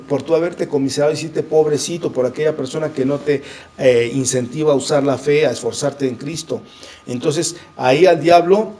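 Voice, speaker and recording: Earnest mellow-voiced male preacher. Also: a little high. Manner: earnest, repeats questions like "¿sí?" and addresses "hermano". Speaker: preacher leading a Bible conversation. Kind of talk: conversational Bible teaching.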